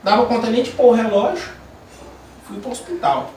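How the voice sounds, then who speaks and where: A man's voice: high-pitched, very animated, moderate pace, a little mellow. A man leading a small church cell group, giving an informal sermon with a personal testimony, telling it animatedly with frequent fillers and restarts. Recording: echoey room, distant mic, faint noise.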